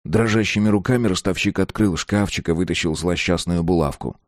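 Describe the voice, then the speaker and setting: A man narrating an audiobook in a steady, even storytelling manner. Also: sits low, fairly quick, dry recording, studio quality.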